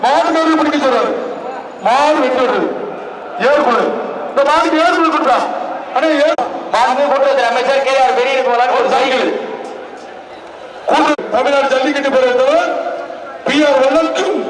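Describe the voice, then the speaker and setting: A man announcing at an outdoor event through a public-address loudspeaker. He calls out prizes and cheers with loud, repeated shouts. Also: very high voice, normal speed, long pauses, slight background noise. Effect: voice heard through a public-address loudspeaker. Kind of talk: live event commentary calling out prizes. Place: outdoor bull-taming arena. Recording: echoing loudspeaker heard from far off over a loud crowd.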